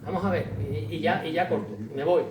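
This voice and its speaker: A man's voice: fairly high pitch, fairly quick. Spanish man lecturing in an echoey hall. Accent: Spain Spanish. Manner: colloquial, animated, recites verse, frequent tag questions. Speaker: author giving a public talk. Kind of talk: lively informal lecture. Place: hall with a large audience. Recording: echoey hall, distant mic, faint noise.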